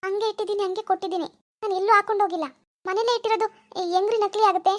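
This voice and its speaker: A woman voicing a flustered young village wife in a cartoon, pleading her innocence in a very high, quick voice. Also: fairly even intonation. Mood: pleading confused. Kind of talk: cartoon voice acting.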